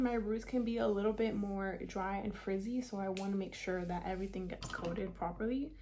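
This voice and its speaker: Medium-pitched and darkish, this twenties-aged South Florida woman's voice carries a chatty, upbeat hair tutorial as a beauty vlogger, sprinkled with "like" and "kinda". Slight background noise is present.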